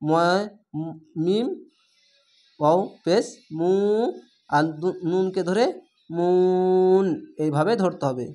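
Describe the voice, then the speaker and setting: Patient man spelling out syllables slowly. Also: high-pitched, a little mellow. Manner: spells out syllables one by one, stretching the vowels; patient, repeats each instruction. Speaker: reading teacher. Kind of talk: spelled-out reading lesson.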